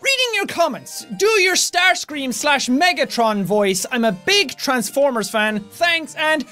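A young man reading out and answering viewer comments in a casual vlog, talking loudly and playfully. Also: very high-pitched, unhurried, faint music behind. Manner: loud, energetic, playful.

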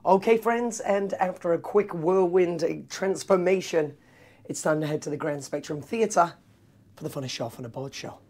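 A man's voice: on the high side, moderate pace, darkish tone. An upbeat, enthusiastic man in his thirties chatting casually to camera as a cruise director and vlog host. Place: aboard a cruise ship, in cabins, corridors and busy public decks.

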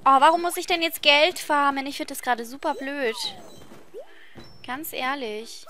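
Female let's-play host, high and bright, reads game text aloud and grumbles. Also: a little fast, slight background noise. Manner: reads game dialogue aloud, chatty and frustrated. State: tired voice. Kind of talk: casual gameplay commentary.

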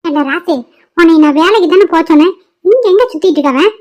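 A woman's voice: very high voice, fast, a little mellow. A woman doing a nagging village mother. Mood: scolding. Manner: nagging, scolding. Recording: dull lo-fi cartoon audio.

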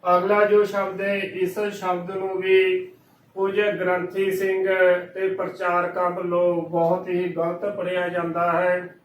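A man giving a slow, methodical pronunciation lesson, spelling out each word syllable by syllable. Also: high voice, completely flat delivery, slight background noise. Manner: drawn-out, syllable by syllable. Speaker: Gurbani pronunciation teacher. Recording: roomy and distant with faint ambience.

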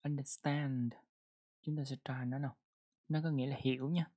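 An English pronunciation teacher in a casual online lesson, who repeats words and reads English example sentences slowly. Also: medium pitch, fairly even intonation, mellow.

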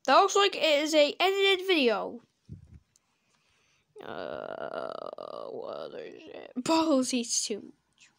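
A woman whose voice sits on the high side talks into a desk microphone, giving casual, blunt reactions to videos. She swears freely and crudely, with occasional sudden loud outbursts.

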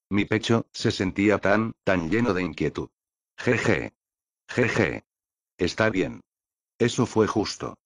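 A man with a low, deep voice gives slow, measured audiobook narration. The sound is dry and close, with no room around it, and the reading stays steady and unhurried. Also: no room sound.

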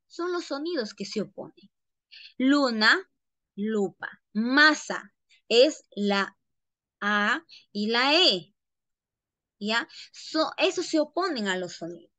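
A woman teacher, pitched high and speaking at an unhurried pace. She explains step by step and keeps checking that her students follow. The recording is dry and close, with no room sound. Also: sharp tone, dry recording. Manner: checks in often with "¿ya?"; addresses students as "chicos". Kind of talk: online classroom lesson.

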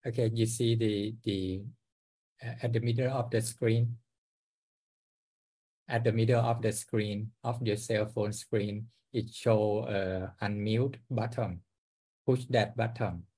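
A man's voice: on the low side, steady tone, slow pace, mellow, slightly rough. A man repeatedly guiding someone through a phone setting on a video call. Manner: instructive, repetitive. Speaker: helper giving tech instructions.

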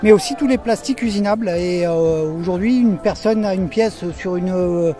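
A man's voice: high voice, normal speed, dark tone, faint music behind. A man in his forties explaining his machining business eagerly, repeating words, outdoors into a handheld mic. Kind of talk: casual interview answers. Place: outdoor fair in a park. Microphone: handheld mic held by interviewer.

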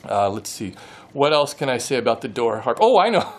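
A man in his forties talks casually to a camera held at arm's length in his home wood shop. He is chatty and amused with himself, chuckles often, and keeps a relaxed, mid-pitched everyday voice. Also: fairly quick. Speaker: woodworking channel host. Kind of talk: casual vlog chat. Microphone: handheld camera at arm's length.

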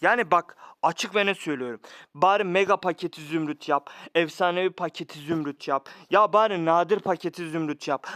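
A man's voice: sits high, fairly bright tone, no room sound, clean studio sound. A man ranting through a screen-recorded commentary on a mobile game, exasperated and firing off the same rhetorical questions to his viewers again and again. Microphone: phone recording.

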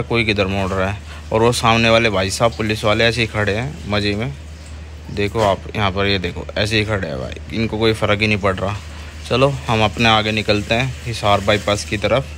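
A man's voice: fairly low pitch, a bit bright. A young man, chatting casually to viewers as he rides a motorbike through city traffic and points out the sights. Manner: chatty, points things out to viewers while riding. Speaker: vlogger. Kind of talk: casual motovlog narration. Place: on a motorbike on city roads outdoors. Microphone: helmet or chest camera mic while riding. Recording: wind and traffic noise. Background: engine and traffic noise.

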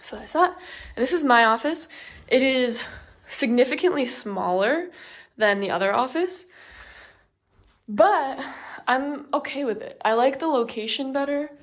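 A woman's voice: sits high, expressive, measured pace. A young woman chatting casually as she walks through an empty house, filming a tour vlog with frequent ums and likes. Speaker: vlogger.

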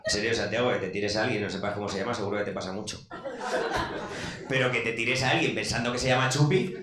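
A man's voice: fairly low pitch, quick pace, a crowd in the background. A man in his thirties with a Spanish accent doing a brash, crude stand-up comedy monologue, acting out quotes in put-on voices. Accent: Spanish from Spain. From Spain. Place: comedy club stage. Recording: echoey club with loud background noise.

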